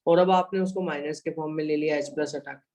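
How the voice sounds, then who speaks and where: A man's voice: a little high, fairly even intonation, fast talker, darkish tone, low-quality recording. A man with an Indian accent teaching a chemistry lecture, explaining step by step and mixing English phrases into Hindi while checking in with students. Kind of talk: online lecture explaining equations.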